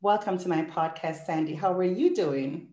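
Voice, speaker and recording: Low-voiced woman podcast host, echoey. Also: moderate pace, dark tone. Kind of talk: scripted podcast intro then interview.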